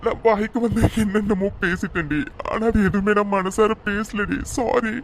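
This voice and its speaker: A man's voice: high-pitched, steady tone, moderate pace, a little hiss or hum. A man voicing a guilt-ridden young lover in a cartoon drama, apologizing through tears. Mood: remorseful. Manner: apologetic, tearful, repeating "sorry".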